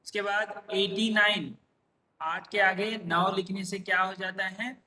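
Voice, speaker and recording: A man gives a classroom lesson, stretching each word and answering his own questions. His voice is high and very bright. He sits back from the mic in an echoing room. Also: steady tone, distant mic. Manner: drawn-out repeated pronunciations, asks and answers himself. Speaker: teacher. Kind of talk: slow classroom-style number lesson. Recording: echoey room, voice a bit off-mic.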